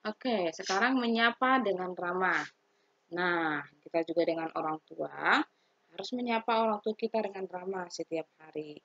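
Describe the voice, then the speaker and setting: A woman's voice: on the low side, normal speed, pushed and bright, dry recording. A woman religion teacher giving a recorded lesson to children, patient and repetitive, often checking in with them. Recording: dry, dull lo-fi sound.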